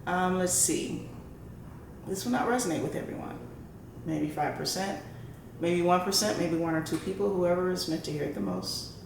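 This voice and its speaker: A woman with a fairly low-pitched voice and vocal fry, speaking at a moderate pace, hosts a casual tarot and horoscope reading for her viewers. The tarot reader and channel host often checks in with a questioning "right?". The recording has a roomy echo and faint background noise.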